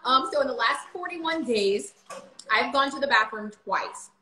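A vlogger in her thirties takes viewer questions on a casual livestream in her home kitchen, leaning on lots of fillers, with a phone camera on the table picking her up. Her high-pitched voice is animated, pushed and bright, at a measured pace. The low-quality recording sounds roomy, with slight background noise.

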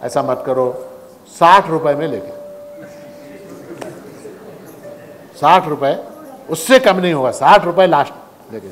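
A man's voice: a little high, animated, moderate pace, natural voice. A man voicing a put-upon male shopkeeper who haggles, pleads and grows fed up, heard in an echoing hall. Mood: pleading. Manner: pleading, then fed up and raising his voice. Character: exasperated male shopkeeper haggling over a price. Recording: echoing hall, faint background noise.

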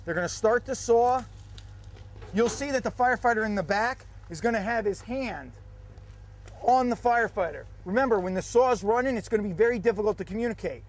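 A man with a high-leaning voice walks through a hands-on fire drill outdoors. His delivery is practical and methodical, laying out each step of the technique. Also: brisk. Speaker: fire service instructor. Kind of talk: instructional demonstration.

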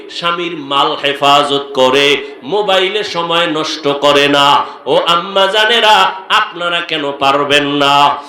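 In a high, pushed, bright voice, a man delivers an impassioned Islamic sermon, appealing straight to his listeners with emotional urging. He draws his calls out into long melodic chant, so parts are sung. The recording has the echoing, amplified sound of a sermon.

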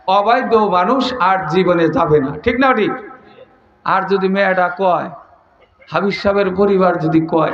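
A man's voice: high-pitched, fairly bright tone. A man preaching a waz sermon in a chanting, sing-song way, calling on the crowd to say amen. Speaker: Islamic preacher. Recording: echoey, dull lo-fi sermon recording.

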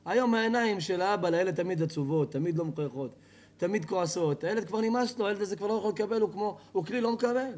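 A man, a rabbi, giving a lively sermon to a live audience, telling stories, asking the audience questions and joking. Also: high voice. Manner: animated storytelling, asks the audience questions, jokes. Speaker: rabbi giving a Torah lecture. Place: hall with an audience.

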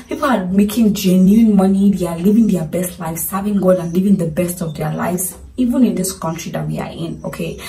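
A woman's voice: mid-range voice, warm tone, far from the mic, a little hiss or hum. Nigerian woman, motivational vlog talk, pleading and emphatic, roomy echo, voice a little off-mic. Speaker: vlogger. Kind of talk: earnest motivational talk to camera.

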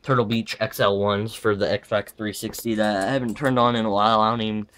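This teenage boy talks briskly in a fairly low, level voice with a fairly bright tone, slightly lispy from his retainer. Holding a handheld camera, he gives an offhand, wandering, casual tour of his bedroom gaming setup, dropping self-correcting asides, over slight background noise.

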